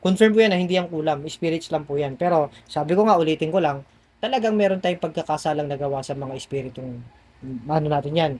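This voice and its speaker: A man on the high side of the pitch range, slightly mellow and fast-talking, works as a spiritual healer. He reassures and coaxes his patients indoors, explaining during the healing session and repeating himself often.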